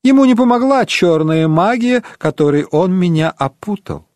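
A man's voice: high-pitched, lively intonation, darkish tone, no room sound. A man voicing a cold, scornful young noblewoman who dismisses her lover in an audiobook. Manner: mocking, quick and dismissive.

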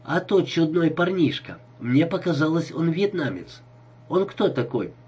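A man's voice: fairly high pitch, expressive, measured pace, a little mellow, husky, highs cut off, voice pushed up, exaggerated voice. A man doing a coy scheming young woman. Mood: teasing. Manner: coy, teasing.

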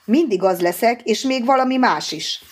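Storybook part: woman reader as a coaxing alien-hybrid young man, husky, calm. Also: on the high side, pitched above the performer's own voice. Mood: soothing. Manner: calm, patient, persuasive.

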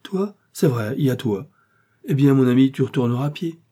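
A man voicing a witty, ironic gentleman friend who teases in a light, mocking way. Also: mid-range voice, animated, fairly quick, breathy edge. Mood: teasing. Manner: teasing, ironic.

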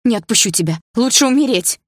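A woman's voice: medium pitch, normal speed, slightly rough, no echo, studio quality, voice pushed up. A woman voicing a desperate young woman in love, pleading and crying out in an audiobook.

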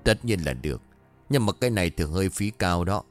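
A man voicing a greedy male sorcerer of dark arts, speaking in a calm, smug and mocking way. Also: sits low, a little fast, soft background music.

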